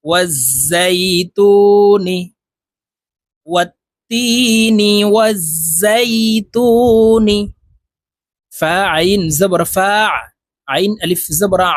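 Man, Quran reading teacher, high voice, slow deliberate drilling, dry close recording. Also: husky, no echo. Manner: slow, deliberate letter-by-letter drilling, Arabic phrases drawn out. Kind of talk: spelling out Arabic syllables slowly, then chanting the words.

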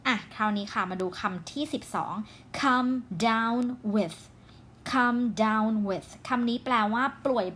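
A woman teaching English phrasal verbs in Thai with a Thai accent, reading English examples slowly and carefully. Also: on the high side, a bit bright, slight background noise. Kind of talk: online grammar lesson.

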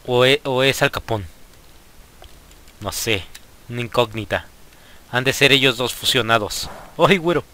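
Excitable Mexican man playing a game. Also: medium pitch, a little slow, long pauses. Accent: Mexican Spanish. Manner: excitable, frequent exclamations at the game. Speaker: gaming youtuber. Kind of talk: casual let's play commentary.

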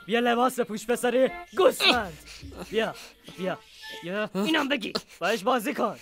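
A man's voice: extremely high pitch, sing-song, a bit bright, soft background music, full character voice. A man dubbing a short-tempered village boss in a comedy film, scolding and insulting with contempt. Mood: scornful. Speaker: dubbing actor. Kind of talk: dubbed comedy film acting.

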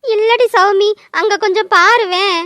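This is a frightened schoolgirl in a cartoon, very high in pitch. Her lines come out tearful and pleading, recorded close and dry. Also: fairly even intonation, unhurried, pushed and bright, no echo, exaggerated voice. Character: frightened schoolgirl, older cousin. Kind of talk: cartoon dubbing.

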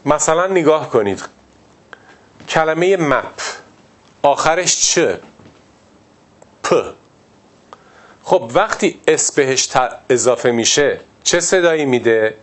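Male teacher with lively pitch. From Iran. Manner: explains step by step, repeats example words slowly. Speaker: English teacher. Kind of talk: classroom lesson on pronunciation.

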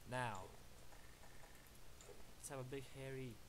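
Speaking slowly in a steady, medium-pitched, slightly bright voice, a young man from Bulgaria with a Bulgarian accent does casual let's-play commentary at his computer at home, rambling and swearing playfully at enemies. The recording is rough, with some hiss or hum from an awkwardly placed desktop mic.

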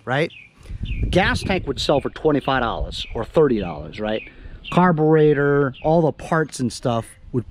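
Here a small engine repair vlogger in his 50s speaks in a medium-pitched, somewhat mellow voice, chatting casually and rambling with fillers as he works on machines. An action camera captures him outdoors in a driveway and backyard, with slight background noise.

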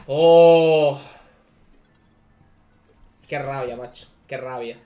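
A man's voice: medium pitch, normal speed, lo-fi sound, faint music behind. A man with a Spain Spanish accent, ranting and swearing repetitively as he reacts to game summons. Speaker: gaming streamer. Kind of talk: gacha summon reaction commentary.

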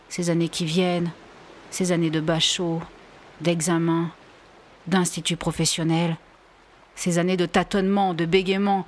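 A woman voicing an impatient, brooding teenage boy in a storybook reading, exasperated and melodramatic, with a breathy voice. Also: on the low side, lightly acted.

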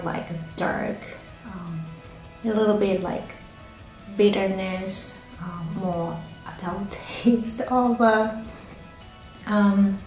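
A food vlogger reviews food casually to camera, speaking slowly in a mid-range voice. She's relaxed and chatty, with lots of fillers and restarts. The small indoor room is echoey, with faint music behind her.

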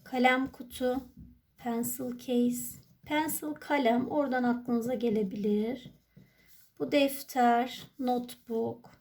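A woman's voice: on the high side, steady tone, unhurried, darkish tone. A woman teacher with a Turkish accent, walking through an exam step by step and answering her own questions. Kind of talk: exam walkthrough lesson.

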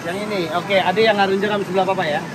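A man's voice: sits high, fairly even intonation, rapid-fire, poor audio. A middle-aged man chatting casually as a father, teasing with short repeated questions and replies. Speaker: father in a family vlog. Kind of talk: casual chat. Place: busy outdoor theme park. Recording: loud crowd, outdoors at theme park.

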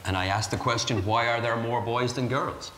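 A man's voice: mid-range voice, fairly even intonation, normal speed, sharp tone, reverberant, long reverb tail, a little hiss or hum. A man from Ireland with an Irish accent, a charity founder earnestly explaining his work in a TV interview before a live audience.

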